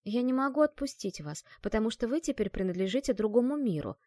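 A small female elf exorcist speaks in a patient, soothing tone, voiced by a woman reading aloud. Her voice sits fairly high. The sound is dry and close. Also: sing-song, normal speed, darkish tone, dry recording.

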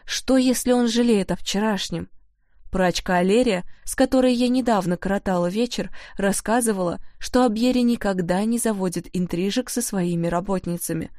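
An audiobook narrator, a woman, reads a novel in a calm, measured manner at medium pitch. The recording is clean studio sound with no room sound.

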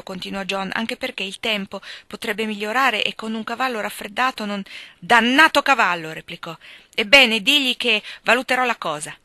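Woman reader, bright clear tone, dry close sound, acts out dialogue within narration. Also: medium pitch, dry recording. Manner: voices dialogue with louder, slower lines. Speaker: audiobook reader. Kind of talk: literary novel reading.

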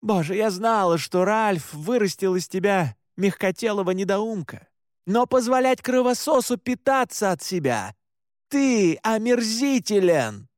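A man's voice: high-pitched, lively intonation, normal speed, few pauses, dry recording, clean studio sound, pitched above the performer's own voice. Man voicing a stern, commanding mother. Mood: furious. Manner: harsh, commanding. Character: stern, furious mother, middle-aged woman.

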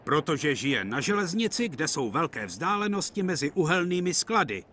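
A man's voice: on the high side, sing-song, bright, forceful tone, a little hiss or hum, voice pushed up. A man voicing a stout, kindly male railway boss who speaks in a firm, reassuring way. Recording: clear music behind.

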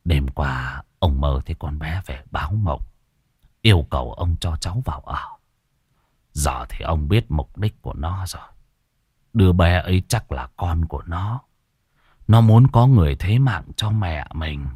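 A man voicing a grim, sorrowful old grandfather who speaks slowly in hushed, weary warnings. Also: low voice, expressive, no room sound, clean studio sound, voice pushed down, full character voice. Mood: grave, mournful.

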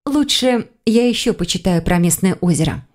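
A woman reading the part of a curious young woman in an audiobook, pitched a little higher and more animated than her narration. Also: moderate pace, natural voice.

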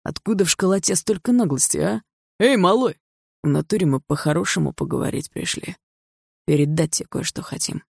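A man's voice: on the high side, fairly quick, creaky, slightly rough, no room sound, studio quality. A man voicing a rude, threatening adult street thug in an audiobook, talking in crude slang. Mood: menacing. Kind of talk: audiobook dialogue reading.

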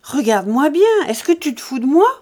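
A woman reading an audiobook, voicing a furious young farm woman who scornfully shouts down a man. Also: sits high, very animated, brisk, voice pushed up.

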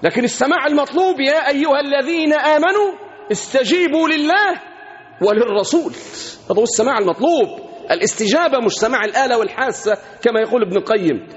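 A man with an Egyptian Arabic accent preaching an Islamic sermon, swinging between hushed and shouted passages. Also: extremely high pitch, expressive, fast talker. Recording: muffled recording in a reverberant hall.

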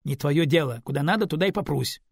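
A man's voice: on the high side, quick pace, vocal fry, breathy edge, no room sound. A man voicing a rude, pushy teenage girl in an audiobook, cheeky and pert. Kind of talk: audiobook character voice.

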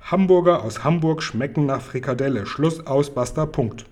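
A man reading a children's book aloud, voicing a huge, kindly, muddle-headed male giant who booms and mixes up his words. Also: normal speed, a little mellow, lightly acted. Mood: blustering.

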